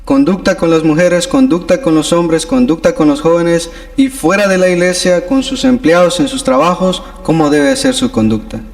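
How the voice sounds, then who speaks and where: A man's voice: a little high, lively intonation, normal speed, hardly any pauses. A man leading a Sunday Bible study in a church, teaching earnestly and often addressing his listeners as brothers. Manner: earnest, repeats "hermanos" often.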